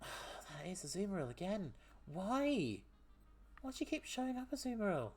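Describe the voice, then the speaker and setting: A high-pitched man with big swings in pitch comments casually on his game at normal speed. He chats with viewers, reads their messages aloud, laughs often and trips over words at times.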